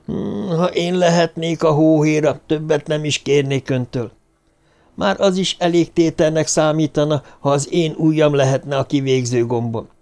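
A man's voice: mid-range voice, darkish tone, natural voice. A man voicing a cornered, bitter male ruler who speaks in a strained voice while reading an audiobook.

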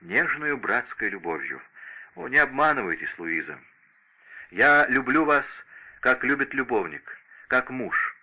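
A man's voice: medium pitch, sing-song, a little slow, pauses often, breathy edge, muffled recording, heavily acted. A man voicing a heartbroken young nobleman who speaks formally and earnestly in an audiobook. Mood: grieving. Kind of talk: audiobook character reading.

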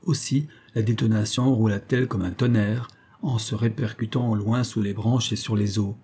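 A man narrating an audiobook with a husky, mellow voice. He keeps his reading steady and even from sentence to sentence. His low-middle pitch stays relaxed and warm. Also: moderate pace. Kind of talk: scripted narration.

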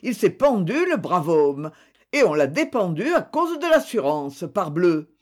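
A reader putting on a middle-aged police inspector who bursts out and says the same thing twice over, lively and sweeping up and down in pitch. The delivery is slow and deliberate even in his excitement, read like a character in an audiobook. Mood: triumphant. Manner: exclamatory, insistent, repeats himself.

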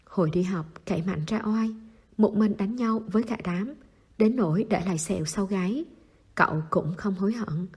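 A woman narrating a novel in a steady, soft storytelling voice. Her tone is mellow and dark, with a breathy, slightly husky edge. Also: medium pitch, moderate pace. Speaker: audiobook narrator.

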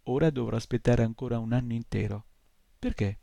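A man's voice: mid-range voice, fairly quick, creaky, mellow, no room sound, natural voice. A man voicing a proud ten-year-old boy hunter who speaks curtly, in an audiobook reading. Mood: resentful.

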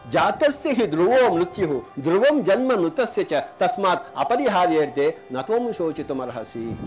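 A man with a Telugu accent giving a spiritual talk, asking rhetorical questions and repeating lines for emphasis, sometimes chanting verses slowly. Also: sits high. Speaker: spiritual teacher. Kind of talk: spiritual discourse.

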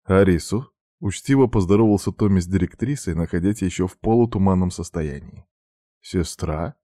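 A man narrates a novel in a very low, dark voice with steady, even storytelling. The sound is dry and close, with no room around it. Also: quick pace, dry recording. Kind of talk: audiobook narration.

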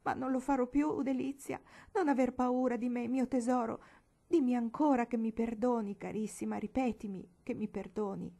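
A woman's voice: fairly high pitch, steady tone, moderate pace, creaky, warm tone, voice pushed up. A woman doing a coaxing, unhinged noblewoman. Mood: wounded. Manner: coaxing, feverishly tender. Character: grieving, unhinged older noblewoman, pleading. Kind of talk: audiobook reading.

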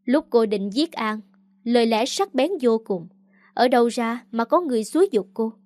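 A woman's voice: a little high, lively intonation, moderate pace, a little mellow, dry recording, studio quality, natural voice. A woman reading a cold, scornful young man. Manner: contemptuous, cutting.

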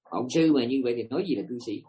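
A man's voice: mid-range voice, quick pace, warm tone. A man giving a Buddhist dharma talk to listeners, emphatic and asking them rhetorical questions. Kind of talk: dharma talk to a live audience.

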